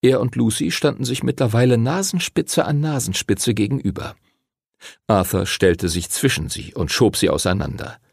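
A man narrating an audiobook in an expressive storytelling manner. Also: mid-range voice, normal speed, creaky, husky, dry recording, studio quality.

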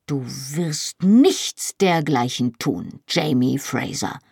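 A woman's voice: sits low, animated, unhurried, breathy edge, no room sound, studio quality, exaggerated voice. A woman reading the part of a fierce young woman who speaks sharply and sarcastically.

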